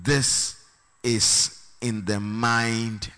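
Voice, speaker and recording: A man's voice: mid-range voice, flat delivery, pushed and bright, clear, resonant tone. Preaching man in an echoing hall. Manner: slow and emphatic, rising to a sung, preaching cadence. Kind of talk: sermon. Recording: long reverb of a hall.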